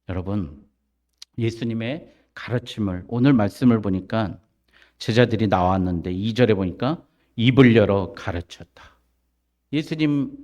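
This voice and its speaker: A male pastor with a Jeolla accent delivers an emphatic sermon. His pitch swings widely between low, quiet asides and raised exclamations. He drives his points home with rhetorical questions and quick "eh?" prompts. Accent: Jeolla Korean. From South Jeolla, Korea.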